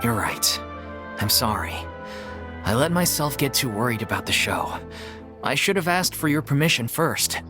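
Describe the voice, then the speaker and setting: A man's voice: fairly high pitch, moderate pace, hardly any pauses, lightly acted. A man voicing a worried, earnest theatre troupe leader in a video game. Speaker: troupe manager. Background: game music.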